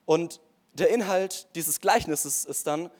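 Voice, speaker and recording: A man's voice: fairly high pitch, takes it slowly. Earnest young man giving testimony. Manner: earnest, talks straight to listeners, frequent "so" and "ey" fillers. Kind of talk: casual sermon testimony.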